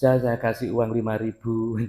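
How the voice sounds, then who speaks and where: A man's voice: mid-range voice, flat delivery, unhurried, mellow. A middle-aged man giving an informal dawn sermon in a mosque, telling a story with frequent laughs and addressing the listeners as "Pak".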